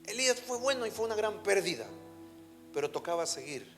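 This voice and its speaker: A male pastor delivers an emphatic, fervent sermon. His voice sits fairly high for a man. Music plays clearly behind him. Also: big pitch swings, a little fast. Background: soft music.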